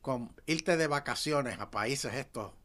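A man's voice: medium pitch, takes it slowly, fairly bright tone. A man with a Puerto Rican accent hosting a comedic talk show, joking and exclaiming in casual chat. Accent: Puerto Rican Spanish.

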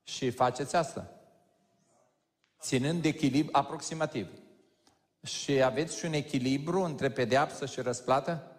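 A man's voice: mid-range voice, long pauses. A pastor giving a conversational sermon to a congregation, joking and speaking straight to his listeners. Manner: lively, joking, addresses the audience directly. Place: large church hall. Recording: long hall reverb.

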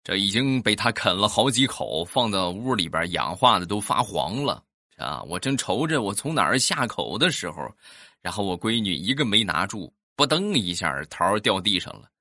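A man spins comic family anecdotes, animated and expressive. His low voice rides lively swings with a bright edge. The close mic sounds dry. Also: normal speed, no echo. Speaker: comic storyteller.

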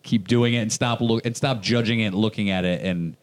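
A man's voice: fairly low pitch, fairly even intonation, fairly quick, clear, resonant tone. A man from Indiana, a stand-up comic, rambling through a casual podcast chat with lots of fillers and swearing. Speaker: comedian podcast guest.

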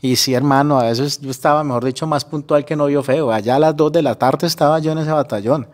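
A man's voice: fairly high pitch, steady tone, fairly quick. A man with a Colombian accent telling a personal story in casual speech, acting out the dialogue and calling the listener brother, his voice slightly shaky with emotion. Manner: conversational, acts out quoted dialogue, says brother often.

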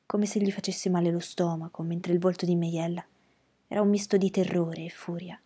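Woman narrator, audiobook reading, soft quiet delivery, low mellow voice. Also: slightly rough.

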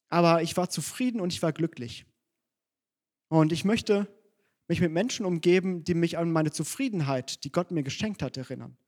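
Mann predigt ernst und direkt. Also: male voice, on the high side, a little mellow. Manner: direct, earnest preaching addressed to the congregation. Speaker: pastor. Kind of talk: sermon. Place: church.

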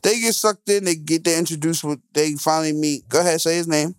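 A man co-hosting a movie review show, talking in loose, animated banter and acting out scenes as he recaps. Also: a little high, a little fast, smooth, no room sound. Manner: animated, laughs loudly, acts out scenes. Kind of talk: casual banter.

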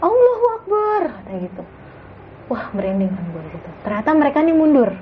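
A woman casually recounting a frightening night hike as a guest, in a hushed, suspenseful way, acting out what people said. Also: medium pitch, sing-song, fast talker, narrow, tinny audio, a little hiss or hum. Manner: hushed, suspenseful retelling with acted quotes. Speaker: guest storyteller. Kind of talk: casual story of a spooky hike.

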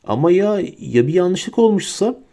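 A man's voice: sits high, big pitch swings, normal speed, warm tone, voice pushed up. A man voicing an anxious, wailing teenage girl. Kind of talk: audiobook character voice.

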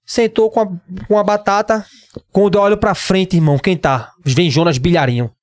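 A man in his twenties with a Northeastern Brazilian accent, telling his story as a podcast guest, slangy and animated, acting out what others said. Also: high-pitched, normal speed, no room sound, studio quality. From Pernambuco, Brazil. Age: 20s. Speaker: guest, MMA fighter.

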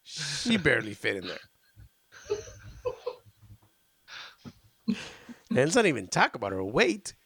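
On a casual film podcast, a male host chats about old movies with enthusiasm, rambling and often cutting himself off to restart. His mid-range voice swoops wildly in pitch and sounds gravelly, slightly rough and a bit bright, at a somewhat slow pace. The studio recording is clean and dry.

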